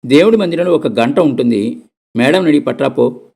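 A sharp-tongued, bedridden old grandmother, read by a man in his own voice. Her voice is gravelly and mid-pitched, and she speaks in curt, scolding lines. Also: expressive, normal speed. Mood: commanding.

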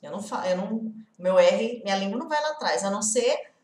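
A woman's voice: medium pitch, lively intonation, fast, darkish tone, echoey room. A young Brazilian woman with a Portuguese accent from the interior of São Paulo state, teaching English in a casual online lesson. She talks patiently and often checks in with the viewer.

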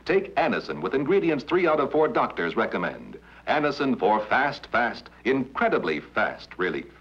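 A man narrating a scripted vintage commercial as announcer, in emphatic, deliberate, punchy phrases. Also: medium pitch, sing-song, a bit bright, husky. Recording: dull old television commercial audio.

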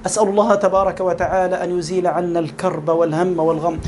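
A man's voice: high voice, little pitch movement, very fast, a little mellow, slight background noise. A man with an Egyptian accent preaching a sermon with fervour, again and again calling his listeners beloved brothers in God. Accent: Egyptian Arabic. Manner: fervent, repeatedly addresses listeners as beloved brothers.

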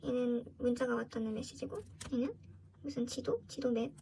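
A woman with a high voice talks through an unboxing in casual vlog style. Her manner is girlish and gushing, like an excitable fan reacting to collectibles. There is clear background noise in the recording. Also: normal speed, low-quality recording. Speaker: vlogger opening collectible merchandise.

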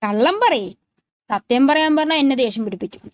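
A sweet, innocent young woman who talks earnestly and worries over the people she cares about, voiced by a woman reading a story. Her voice is high, and the sound is dry. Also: fairly quick, dry recording, muffled recording, natural voice. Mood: playful.

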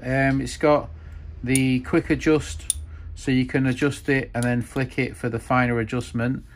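A man's voice: mid-range voice, flat delivery, unhurried, a little hiss or hum. A man casually narrating a show-and-tell of old tools in his workshop, rambling with frequent ums and asides. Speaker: tool collector vlogger. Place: workshop, hands over a wooden bench.

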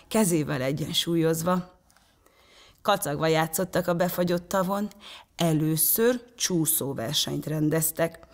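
A woman storyteller from a theatre reading a children's story in a calm, measured way, from a prompter's box. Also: lowish voice.

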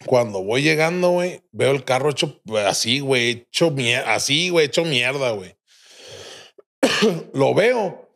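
A man's voice: medium pitch, lively intonation, a little slow, gravelly, fairly bright tone. A young adult man with a Mexican accent, a podcast guest telling a crude, vivid story full of slang and swearing. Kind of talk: casual storytelling.

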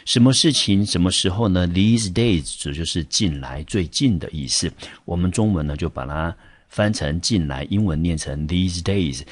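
Man, Taiwanese Mandarin accent, very low voice, dry close recording, patient teacher. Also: lively intonation, normal speed, husky, no room sound. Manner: patient, explanatory, many "好" and "呢" fillers. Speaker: English teacher. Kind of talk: vocabulary lesson explaining example sentences.

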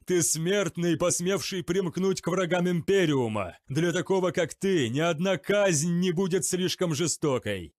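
A brutal armored warrior , as a male reader plays him, growls accusations and threats. His delivery is harsh and forceful. The recording is dry and close. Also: a little high, expressive, normal speed, few pauses, no echo, natural voice. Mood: furious.

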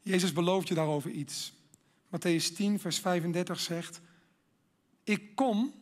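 A man giving a sermon, earnest and emphatic, building up to loud exhortation. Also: high voice.

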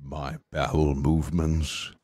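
A man playing a creepy, starving Wild West mortician in game roleplay, with a deadpan, deliberate, formal delivery and a husky voice. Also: dry recording, full character voice. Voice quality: very deep, husky. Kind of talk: improvised game roleplay in character.

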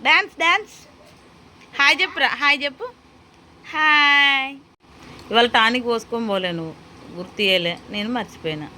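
A mother in her thirties with a Telangana Telugu accent talks to her children in a casual home vlog, asking question after question in a coaxing way and then softly explaining what she is cooking. Her voice sits a bit high and sounds bright and sharp. A faint hiss of noise runs underneath. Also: big pitch swings, very fast. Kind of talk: casual family vlog chat. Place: home kitchen.

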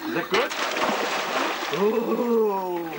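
A man's voice: high voice, drawn-out words, very noisy. A man playfully coaxing children in an outdoor pool, heard on an old home VHS tape recording. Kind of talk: casual family chat at a pool.

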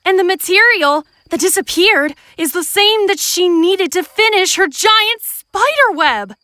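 A woman's voice: very high-pitched, animated, a little slow, bright, forceful tone, dry recording, studio quality, heavily acted. A woman voicing a skeptical, cheerful teenage girl with a matter-of-fact, reassuring manner, in a cartoon dub.

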